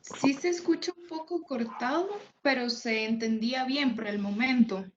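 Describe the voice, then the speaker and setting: A woman's voice: on the high side, normal speed, a little hiss or hum. A woman moderating a webinar, answering the presenter in short, reassuring replies over muffled, distant call audio. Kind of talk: casual remarks to a presenter.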